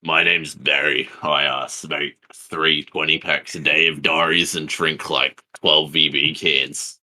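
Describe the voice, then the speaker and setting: A man's voice: rumbling low, little pitch movement, sharp tone, full character voice. A man putting on a drawling Australian bogan, Barry. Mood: boastful. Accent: broad Australian. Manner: slow boastful drawl. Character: brash Australian bogan man, beer-drinking, chain-smoking, lawn-proud.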